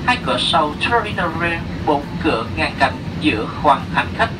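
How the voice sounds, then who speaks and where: A man's voice: on the high side, sing-song, moderate pace. A man with a Vietnamese accent gives a scripted, bilingual flight safety demo announcement as cabin crew over an aircraft PA. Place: inside an airliner cabin. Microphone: cabin PA picked up by distant camera. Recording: noisy aircraft cabin PA, distant. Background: loud aircraft ambience.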